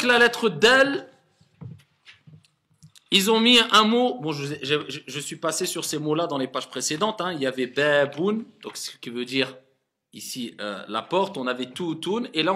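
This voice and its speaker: A male imam leads a reading class with a bright, fairly high voice. He coaxes his students along and repeats each sound so they can echo it back. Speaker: imam teaching Arabic reading. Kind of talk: classroom lesson.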